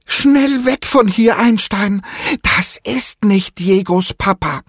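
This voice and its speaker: Guy doing a little girl voice, really high, hushed and hurried. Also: no room sound, studio quality, full character voice. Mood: urgent. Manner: urgent whisper. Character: excited young girl. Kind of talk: children's audio story.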